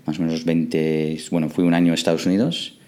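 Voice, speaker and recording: A man's voice: a bass voice, flat delivery, a little fast, mellow. A man from England, a startup co-founder, answering interview questions in a hesitant way with many fillers and restarts.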